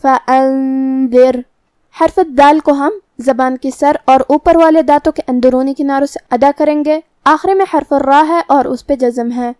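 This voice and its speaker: A woman teaching Quran recitation rules, explaining each word methodically, then reciting it slowly and drawn out. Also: sits high, darkish tone, no room sound, clean studio sound.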